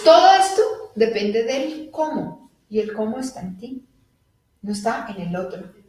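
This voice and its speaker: A woman giving a live spiritual talk to an audience, animated and laughing as she acts out little dialogues. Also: a little high. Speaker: spiritual teacher. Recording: echoey room from a distant mic.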